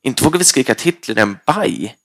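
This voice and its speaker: A man reading aloud voices a nervous, cautious schoolboy in a hushed, hurried way. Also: mid-range voice, lively intonation, pitched above the performer's own voice. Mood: alarmed.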